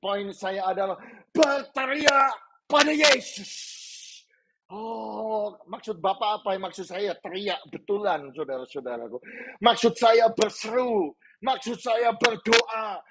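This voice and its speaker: A male pastor preaching a sermon with passion, jumping from loud shouts to hushed low words. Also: expressive, slow, husky. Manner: impassioned preaching, swings between shouting and hushed low tones. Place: church service streamed to home viewers.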